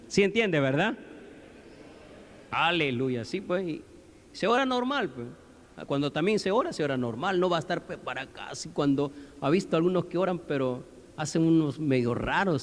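Man preaching with long hall echo. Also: medium pitch. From Peru. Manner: conversational preaching, asks the congregation questions. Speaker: pastor. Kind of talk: sermon. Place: church hall.

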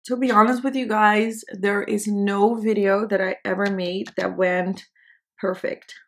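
Speaking at a slightly slow pace, this beauty vlogger has a medium-pitched, fairly bright voice with fairly even intonation. She's a Dutch-native woman in her twenties, applying makeup on camera in a small indoor studio and chatting in a relaxed, self-deprecating way.

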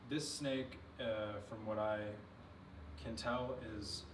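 A young man in his twenties casually showing and explaining snakes in an indoor reptile room, relaxed and knowledgeable, with many fillers. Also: lowish voice, takes it slowly, far from the mic, slight background noise. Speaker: facility owner giving a tour. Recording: echoey room, off-mic, music behind.

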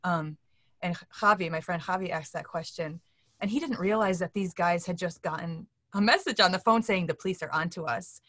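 A middle-aged woman appears as a guest in a casual video-call interview, seated on a couch indoors, telling stories earnestly and animatedly while acting out what people said. Her voice is on the low side and fairly bright, she talks a little fast, and the recording is dry.

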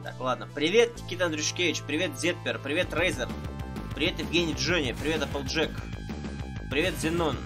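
In his thirties, a man live-streams from a small room through a headset, chatting casually and welcoming viewers one at a time while game music plays underneath. He talks briskly in a fairly high-pitched voice.

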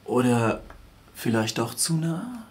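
A man in his room giving a theatrical rhymed performance, swinging from hushed murmurs to shouting. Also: medium pitch, a little slow. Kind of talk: dramatic rhymed performance piece. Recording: echoey room, mic at a distance, faint hiss.

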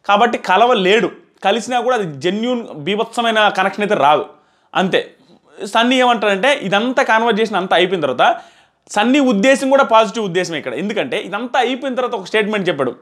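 This reality show reviewer, a man in his thirties, has a high, expressive, fairly bright voice and talks fast. Speaking casually and emphatically to camera from a small plain indoor room, he repeats phrases for stress, picked up by a clip-on lapel mic.

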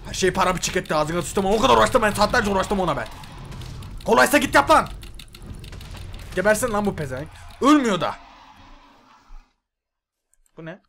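A young man giving loud, excitable gameplay commentary, swearing and yelling at the mobs on screen. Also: sits high, brisk, vocal fry, pauses often, a little hiss or hum. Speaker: gaming YouTuber. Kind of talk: Minecraft mod review commentary.

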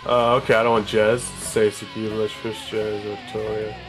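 Over music in a rough recording, a young man whose voice is a bit sore and lowish plays a wrestling video game at a moderate pace. As a let's play gamer, he chats excitedly, commenting casually and reading the in-game dialogue out loud.

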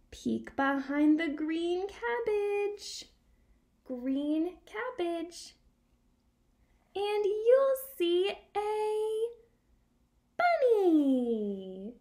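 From a small room at home by a window, a young adult teacher reads a picture book to young children and adds sign lessons along the way. She speaks in a high, sing-song voice, animated yet unhurried.

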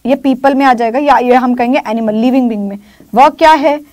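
A woman teaching English grammar in Hindi. She says English example sentences slowly, repeats key phrases and keeps checking in with her students. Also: high-pitched, darkish tone.

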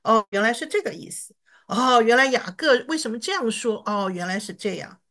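Woman teacher, fairly high voice, encouraging, drills English words slowly syllable by syllable. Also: animated, fairly bright tone. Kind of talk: online lesson.

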